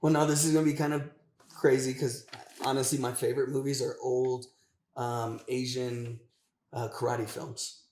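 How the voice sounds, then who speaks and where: A man's voice: medium pitch, level tone, normal speed, darkish tone. A man who works as a tattoo artist, a guest in a casual interview, talking with enthusiasm and repeating words for emphasis. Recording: echoey room with faint noise.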